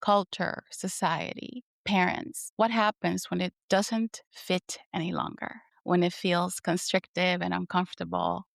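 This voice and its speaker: A woman's voice: fairly low pitch, little pitch movement, measured pace, vocal fry, hardly any pauses, no echo, studio quality. A woman co-hosting a podcast who opens with a scripted welcome and then interviews her friend, prompting her with encouraging questions.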